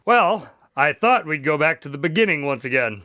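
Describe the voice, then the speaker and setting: A man's voice: on the high side, animated, moderate pace, pushed and bright, no room sound. A man playing a courteous, easily flustered doctor and storyteller in a radio drama, with a polite, old-fashioned, theatrical manner. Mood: genial. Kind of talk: radio drama acting and narration.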